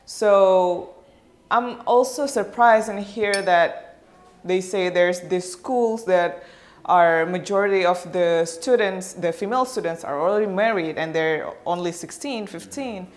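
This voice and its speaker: A woman from Indonesia answering interview questions after a workshop, hesitant and full of fillers. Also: fairly low pitch. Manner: halting, many fillers. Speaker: workshop participant.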